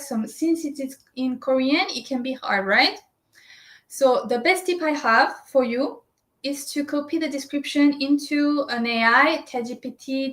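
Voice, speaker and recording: A shopping service presenter, a woman, walks through a step-by-step screen tutorial, explaining as she goes and often checking in with "right?" and "uh". Her voice sits high and is a bit bright, with roomy echo in the recording.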